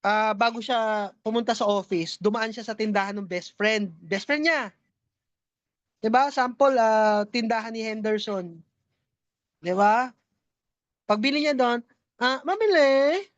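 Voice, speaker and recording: A woman vlogger tells a joke in a loose, chatty way and keeps turning to her viewers. Her voice sits high. The recording is close and dry, with a slightly dull tone. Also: no echo. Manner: chatty, addresses viewers directly, laughs often. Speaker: network marketing vlogger. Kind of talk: casual joke storytelling to viewers.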